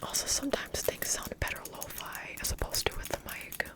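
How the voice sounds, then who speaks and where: A woman speaking in a soft, breathy, unhurried whisper as she demonstrates nail tapping for ASMR. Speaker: ASMR creator.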